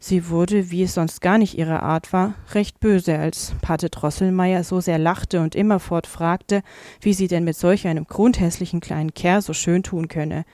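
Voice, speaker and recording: A woman narrating a classic fairy tale in a calm, measured reading voice. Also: lowish voice, dry recording, studio quality. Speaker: audiobook narrator. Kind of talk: scripted storybook narration.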